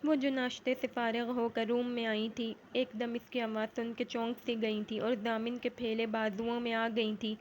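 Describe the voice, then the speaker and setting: A woman reads a romance novel aloud in a steady, measured way. Her voice is fairly high and keeps a flat, even line. A faint noise sits behind her. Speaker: novel reader.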